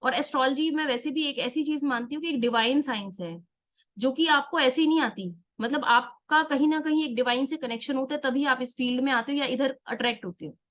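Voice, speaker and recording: An Indian woman with a high, light voice leads an online tarot workshop. She explains each point step by step, often asking a question and then answering it herself. English words slip easily into her Hindi. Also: fairly quick, a bit bright. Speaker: tarot teacher.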